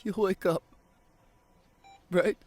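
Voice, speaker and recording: Playing the tearful boyfriend beside his partner lying comatose in a hospital bed, a man delivers an intimate, heavily acted ASMR roleplay. His voice is high, a little mellow, and fairly even in intonation. He cries through slow, broken pleas, repeating himself as sobs break his voice.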